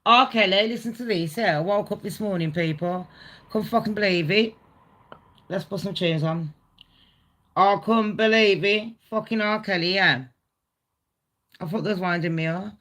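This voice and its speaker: A woman's voice: medium pitch, moderate pace, pauses often, fairly bright tone. Blunt, sweary woman hosting gossip. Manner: blunt, sweary, talks to viewers directly. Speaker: gossip channel host. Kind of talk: casual live commentary.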